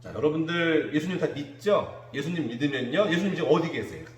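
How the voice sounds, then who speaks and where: A man preaching a children's sermon as pastor, animated and acting out what children might say. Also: a little high, fairly quick, slight background noise. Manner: animated, acts out children's quotes. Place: church room. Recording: echoey church hall.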